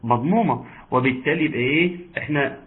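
A man with an Egyptian Arabic accent teaching an online Quran recitation lesson, patiently explaining and slowly modeling sounds for his students. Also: a little high. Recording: tinny phone-like line.

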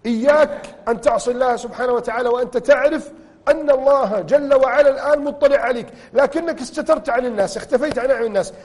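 Brief: a passionate, rapid-fire male preacher with a husky tone, delivering a sermon. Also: very high voice, darkish tone, in a large hall. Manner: impassioned, rising to cries at emotional peaks.

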